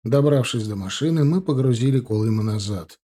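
Male narrator, audiobook, first-person crime story, mellow dark voice, slightly husky, steady. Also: mid-range voice, fairly quick.

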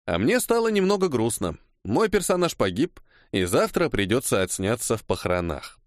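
A man reading a first-person novel aloud as audiobook narration, in an expressive manner. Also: mid-range voice, normal speed, dry recording, clean studio sound.

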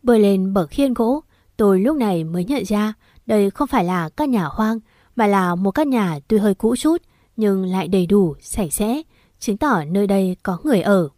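A woman narrating a scripted first-person horror story in a steady, emotional storytelling manner. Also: mid-range voice, normal speed, no echo, clean studio sound.

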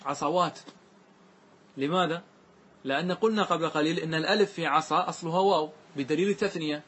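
A man teaching a grammar class, who questions his students often and repeats key points. He recites verse lines slowly and draws them out. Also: on the high side, steady tone, a bit bright, breathy edge. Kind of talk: classroom lesson.

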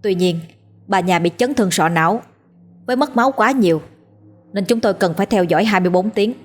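Woman voicing a weary male doctor, calm, measured, husky tone, audiobook. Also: mid-range voice, lightly acted. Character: tired male hospital doctor, calm and businesslike.

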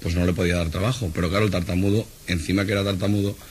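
A man, a guest comedian, telling a stand-up joke on a radio show and acting out the characters as a lively storyteller. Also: sits low, rapid-fire, husky.

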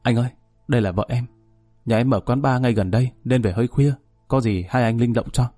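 Brief: man playing an easygoing bar owner talking his way out, mid-pitched. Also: brisk, warm tone, no echo, faint music behind, lightly acted. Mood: ingratiating. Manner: ingratiating. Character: smooth-talking man bargaining with police.

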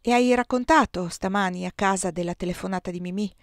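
A woman's voice: mid-range voice, fast talker, no room sound, clean studio sound, natural voice. A woman reading aloud, voicing an earnest young man who speaks emphatically.

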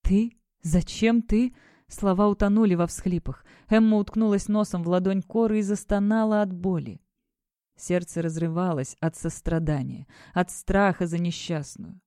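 A woman narrating an audiobook in a steady, expressive voice. Her tone is low, dark and mellow. The recording is dry and close. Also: normal speed, clear, resonant tone, dry recording.

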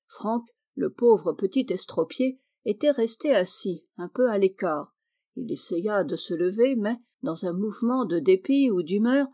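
Woman, audiobook reader, mellow tone, expressive storybook narration. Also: mid-range voice. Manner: expressive, lifts her voice for characters.

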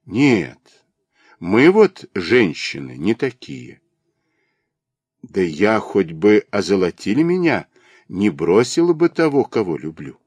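A jealous, devoted young peasant woman, as a male reader puts her on, pleading and reproachful. The voice sits fairly low and swings widely in pitch. The recording is close and dry, with no room sound. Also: big pitch swings, slow pace, a little mellow, slightly rough, dry recording, heavily acted.

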